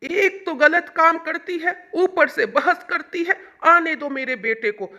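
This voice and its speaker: Cartoon story: woman playing an old mother-in-law, high and piercing, always nagging. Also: slow pace, sharp tone, exaggerated voice. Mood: scolding. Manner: shrill, complaining, bossy.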